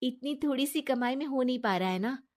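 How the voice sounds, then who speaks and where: A woman voicing a trusting, earnest young wife in an animated storybook, who talks in a reassuring way. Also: sits high, fairly quick, natural voice.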